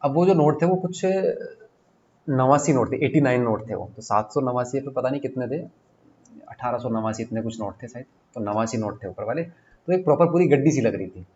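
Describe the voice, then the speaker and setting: Young man, coaching teacher, casual class talk, chatty, repeats points, mid-pitched voice. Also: brisk, a little mellow. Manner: chatty storytelling, mixing English phrases, repeats himself. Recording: slightly dull audio with faint noise.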